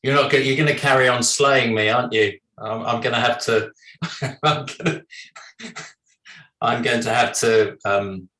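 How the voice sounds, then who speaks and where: A British man with a British accent, thanking guests on a video call in slow, halting, self-deprecating remarks. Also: medium pitch, steady tone, sharp tone, reverberant, poor audio. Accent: British English. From Britain. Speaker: bereaved husband thanking guests. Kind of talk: remembrance gathering remarks.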